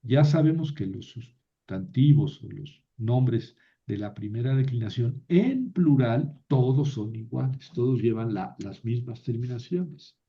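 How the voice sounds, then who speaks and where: A man gives a slow, unhurried Greek grammar lecture. He pauses, repeats words and corrects himself as he goes. The recording sounds dull and lo-fi. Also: medium pitch, lively intonation, dark tone. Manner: halting, repeats and corrects himself, asks "verdad?". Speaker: teacher of biblical Greek.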